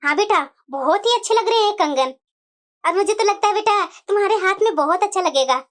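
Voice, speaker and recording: A woman voicing a scheming, scolding mother-in-law in a cartoon drama, shrill and melodramatic. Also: lively intonation, fairly quick. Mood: coaxing.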